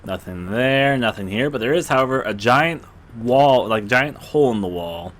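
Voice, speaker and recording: A man's voice: mid-range voice, expressive, moderate pace, fairly bright tone. A man giving laid-back, jokey commentary while playing a horror game. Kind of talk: casual gameplay commentary.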